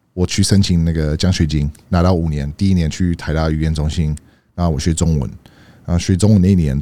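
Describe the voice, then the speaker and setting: A man's voice: low-pitched, warm tone, no echo. A young man from the United States, a native English speaker, chats casually in fluent American-accented Mandarin as a foreigner and slips into English. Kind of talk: casual bilingual chat.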